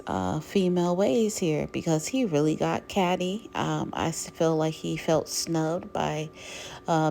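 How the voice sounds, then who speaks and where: Low slow-talking woman recapping casually. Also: a little mellow, a little hiss or hum. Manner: chatty, many fillers, mimics cast members' quotes. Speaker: reality TV commentator.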